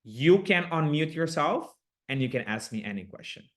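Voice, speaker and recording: This man's voice sits a little high, with lively intonation and a moderate pace. Upbeat and carrying a slight Aruban accent from his first language, Papiamento, he runs a live online coaching session over a video call, chatting encouragingly and laughing easily between points.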